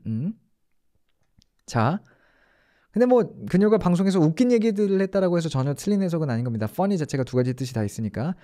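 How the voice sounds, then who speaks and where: A man's voice: a little high, mellow. A man teaching English in Korean in a casual online lesson, explaining step by step with rhetorical questions.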